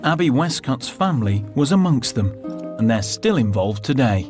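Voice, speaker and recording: A man's voice: mid-range voice, sing-song, normal speed, over music. A man giving scripted narration for a nature documentary.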